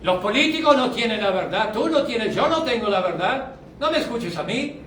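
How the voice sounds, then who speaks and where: A male pastor giving an emphatic sermon. He swings from loud, drawn-out declarations down to low, quiet asides. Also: lively intonation, a little hiss or hum. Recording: echoey hall, mic at a distance.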